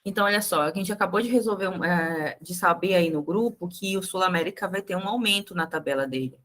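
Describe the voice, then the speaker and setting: A woman's voice: lowish voice, a little fast, a bit bright. A young adult woman leading a live sales training, chatty and speaking straight to the group with frequent tag questions.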